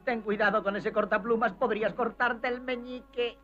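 An actor playing a cowardly, cheeky soldier in a dubbed western farce, with clownish mock politeness. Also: male voice, high-pitched, fairly even intonation, normal speed, fairly bright tone. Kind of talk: dubbed western comedy film. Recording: dull lo-fi film audio, music behind.

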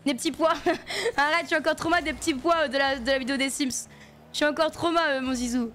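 Streaming as she plays, a woman keeps up slangy, chatty talk with her viewers. Her high-pitched voice is a bit bright and quick-paced, with slight noise in the background.

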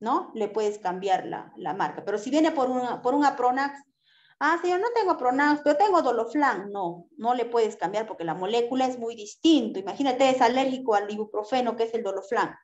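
Woman, high voice, animated instructor, dull lo-fi recording. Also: a little fast, hardly any pauses. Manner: animated, acts out customer exchanges, tag questions. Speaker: pharmacy customer-service instructor. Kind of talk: lively lecture with acted examples. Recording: echoey room, dull lo-fi sound.

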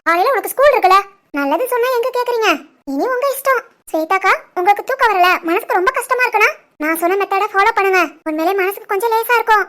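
Woman doing a squeaky little cartoon schoolgirl, chirpy and cheeky, super high. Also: lively intonation, fast talker, fairly bright tone. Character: chatty schoolgirl, cheeky and caring.

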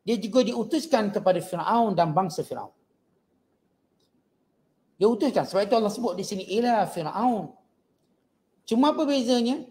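A man's voice: high voice, animated. Malaysian man teaching a scripture lesson. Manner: slow, drawn-out recitation of Arabic verses between plain explanation; addresses the audience directly as gentlemen. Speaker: religious teacher. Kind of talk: Quranic exegesis lecture.

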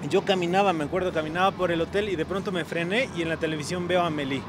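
Quick, high-voiced ecuadorian man on noisy street. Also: steady tone. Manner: earnest, storytelling, eager. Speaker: cinematographer, guest. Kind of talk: interview answers. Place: city street outdoors. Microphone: handheld microphone held by interviewer.

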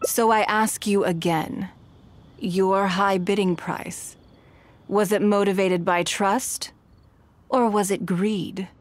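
A woman's voice: medium pitch, fairly even intonation, lightly acted. Ningguang, a woman voicing a poised shrewd noblewoman. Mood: cool. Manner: measured, cool and commanding. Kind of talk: game dialogue voice acting. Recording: game audio with music behind.

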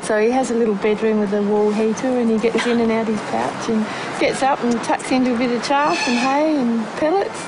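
A woman's voice: a little high, brisk, few pauses, background noise. Plainspoken woman animal rescuer. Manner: relaxed, plainspoken, many ums and uhs. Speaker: animal rescue centre founder. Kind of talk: casual explaining in interview. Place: wildlife rescue farm. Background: background music.

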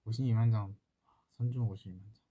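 Fast and husky, this low-leaning male voice has fairly even intonation and phone-quality sound with no echo. It comes from an idol singer in his twenties seated at a desk in a small indoor room, chatting playfully with fans and answering comments on his solo livestream.

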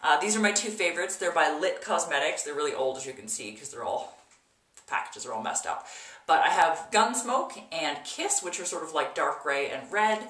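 Woman chatting thru a tutorial, lowish voice, bathroom echo, bit far from the mic. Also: very animated, moderate pace, fairly bright tone. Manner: emphatic, repeats words for emphasis. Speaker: video host, makeup tutorial presenter. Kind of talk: casual tutorial chat to camera. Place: small indoor bathroom. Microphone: camera mic a little way off. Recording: echoey bathroom, mic at a distance.

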